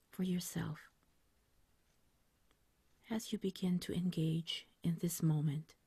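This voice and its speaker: A woman guiding a meditation like a sleep story narrator, in a soft, whispery, breathy voice with a gentle, soothing, unhurried manner. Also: lowish voice, no echo. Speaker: meditation guide.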